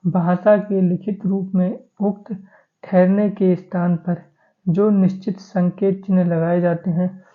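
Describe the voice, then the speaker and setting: A man teaching a Hindi grammar lesson for exam preparation, going through points by number. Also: high voice. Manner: steady, listing points by number. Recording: tinny phone-like audio.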